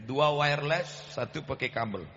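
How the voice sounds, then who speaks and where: A man preaching a lively, joking sermon in a mosque, speaking loudly and booming into a microphone. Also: normal speed, big-room sound, dull audio. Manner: loud, booming delivery. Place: large mosque with overflow crowd outside.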